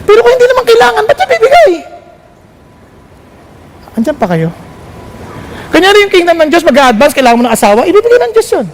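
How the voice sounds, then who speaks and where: Filipino pastor guy preaching, super high pitched, jumps way up to stress stuff, keeps asking the crowd. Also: very animated, fast talker, pauses often, slight background noise. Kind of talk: sermon.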